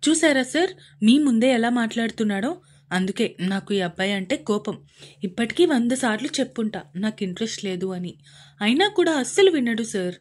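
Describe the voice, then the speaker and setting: Earnest young orphan girl, read by a woman, emotional, breathy voice, storybook reading. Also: mid-range voice, fairly even intonation, normal speed, dark tone, close to an everyday voice. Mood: indignant. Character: young woman, orphaned shy office worker.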